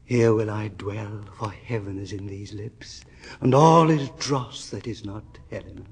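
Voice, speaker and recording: An actor playing a desperate male scholar facing damnation, swinging from hushed, husky whispers to anguished cries. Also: on the low side, measured pace. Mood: enraptured. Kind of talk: classical stage acting. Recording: hall reverb.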